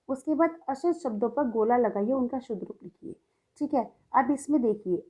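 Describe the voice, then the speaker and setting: A woman's voice: on the high side, dark tone, poor audio. A young woman teacher giving a recorded grammar lesson to schoolchildren, explaining step by step and often checking in.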